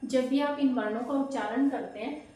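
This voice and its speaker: A woman teaching an exam-prep grammar lesson, explaining slowly and asking and answering her own questions. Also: high-pitched, warm tone. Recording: very echoey room, distant mic.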